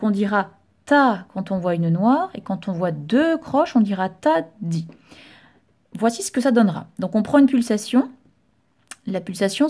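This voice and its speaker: A woman's voice: mid-range voice, warm tone. A woman music teacher giving a patient solfège lesson, explaining step by step and chanting note names and rhythm syllables.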